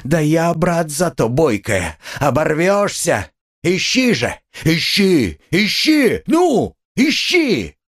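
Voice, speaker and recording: A man's voice: a little high, wildly swooping pitch, takes it slowly, a bit bright, pitched above the performer's own voice, heavily acted. A man voicing a proud, destitute middle-aged woman, hysterical and scornful, in an audiobook. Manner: shrieking, frantic, scornful. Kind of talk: audiobook character voice.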